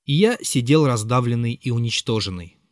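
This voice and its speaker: Expressive man narrating a literary audiobook. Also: mid-range voice, normal speed, no room sound, clean studio sound. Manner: expressive, bitter confessional tone. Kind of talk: dramatic literary reading.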